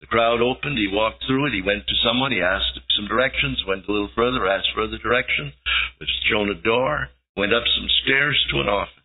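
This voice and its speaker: A man's voice: on the low side, brisk, slightly rough. A man preaching a sermon, telling a story dramatically and building to emphatic peaks. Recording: tinny lo-fi tape recording.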